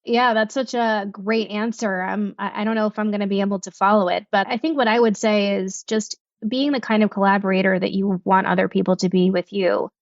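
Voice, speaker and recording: A woman physician, a podcast guest, speaking with warm enthusiasm about working well with others. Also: mid-range voice, fairly even intonation, brisk, hardly any pauses, no room sound, dull audio. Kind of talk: podcast interview.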